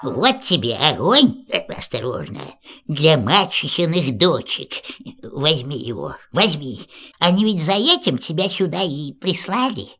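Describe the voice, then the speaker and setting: A slow, menacing old witch. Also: very animated, fairly bright tone, breathy edge, exaggerated voice. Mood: grudging. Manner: slow, drawn-out, sweeping pitch. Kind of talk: audio fairy tale acting.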